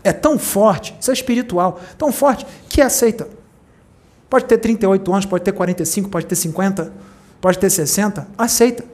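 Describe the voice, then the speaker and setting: A spiritual teacher gives a talk to a small group, telling stories animatedly and acting out the voices of the people in them with big jumps in pitch. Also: brisk. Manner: animated storyteller, acts out quoted voices with big pitch leaps.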